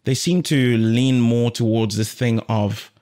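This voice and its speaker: A man hosting a casual podcast conversation, animated and rambling at times. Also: mid-range voice, unhurried. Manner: animated, loses his train of thought. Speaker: podcast host.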